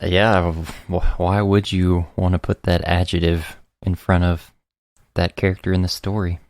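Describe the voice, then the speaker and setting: A man co-hosting a casual Bible study podcast who speaks calmly and in measured turns. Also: low-pitched, dry recording, clean studio sound. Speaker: podcast co-host.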